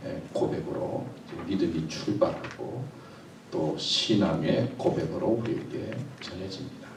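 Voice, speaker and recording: A man preaching a Sunday sermon as pastor, telling the story with lively, acted-out quotes. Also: low-pitched, slight background noise. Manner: animated storytelling, acting out God's delighted voice. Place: church sanctuary. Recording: echoey church from a distance.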